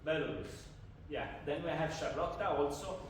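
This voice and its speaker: A man's voice: fairly high pitch, normal speed. A man, lecturing informally to a university class and repeating himself as he explains. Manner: informal, repeats words while teaching. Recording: echoey classroom from far off with noise.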